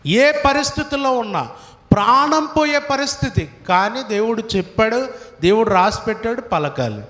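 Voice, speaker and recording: A man's voice: high-pitched, fairly bright tone. A male pastor preaching a sermon, from India, firing rhetorical questions at his congregation. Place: church hall. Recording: echoey hall, voice from far off.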